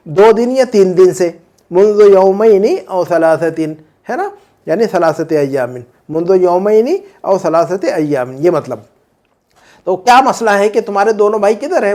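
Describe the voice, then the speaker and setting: A man teaching an Arabic grammar lesson, repeating word forms slowly and checking in with listeners as he explains. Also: high voice, darkish tone. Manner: frequent "hai na" checks with listeners.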